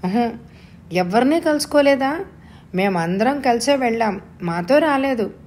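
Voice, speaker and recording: A woman voicing a loud, chatty older village woman in a storybook reading. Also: on the high side, animated, measured pace, slight background noise, voice pushed up. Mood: gossipy.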